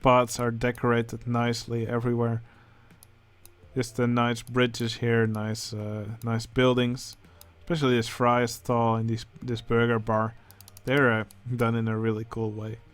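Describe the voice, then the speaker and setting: A man with a Dutch accent, speaking English as a second language, who hosts a channel and comments casually on game contest entries, pausing often with filler sounds. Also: medium pitch, monotone, smooth. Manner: hesitant, many filler sounds. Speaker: channel host judging a building contest.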